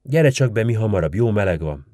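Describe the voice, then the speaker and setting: Fussy sharp-tongued old village woman, voiced by a male storyteller, dark low tone. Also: animated, no echo, studio quality, natural voice. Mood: fussing. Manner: scolding, folksy and bustling.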